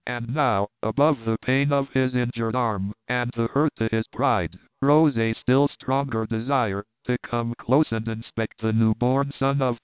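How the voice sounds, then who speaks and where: A man giving a steady, measured reading of an adventure storybook. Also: medium pitch, smooth, dry recording. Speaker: audiobook narrator. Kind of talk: scripted story narration. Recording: narrow phone-like sound.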